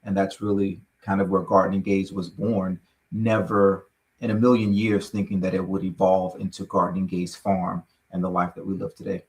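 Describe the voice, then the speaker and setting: A middle-aged man from Florida, a farm co-owner telling the story of his farm in a relaxed way. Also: deep voice, normal speed, rough recording. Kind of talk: podcast interview guest.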